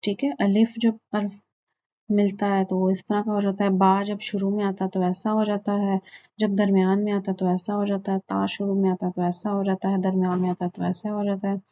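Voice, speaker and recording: A woman teaching a class, slowly and patiently drilling letter sounds one by one and checking with her students. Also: medium pitch, flat delivery, dark tone, muffled recording. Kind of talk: online lesson on Arabic letter pronunciation.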